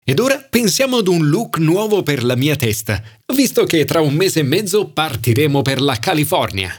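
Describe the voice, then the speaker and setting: A man's voice: on the high side, big pitch swings, normal speed, breathy edge, pitched above the performer's own voice. A man voicing an earnest, practical young woman who pleads and reassures her friend, in an audiobook. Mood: persuasive.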